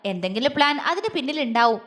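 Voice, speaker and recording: A woman voicing a fierce, blunt young female friend who speaks angrily and sharply. Her voice is high. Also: expressive, fast, big-room sound. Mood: indignant. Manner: angry, sharp-tongued.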